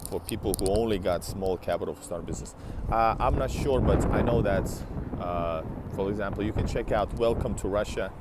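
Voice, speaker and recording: A man's voice: fairly low pitch, a little fast, hardly any pauses, very noisy. A man in his thirties, live-streaming on foot outdoors through an earbud headset mic, chatting to viewers in a rambling way with many restarts, sounding tired. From Latvia and Finland. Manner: rambling, restarts often, talks back to chat. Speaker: live-streaming travel vlogger. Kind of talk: casual live stream chat answering viewers. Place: outdoors on a city street beside a large building. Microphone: wired earbud headset, phone held at arm's length.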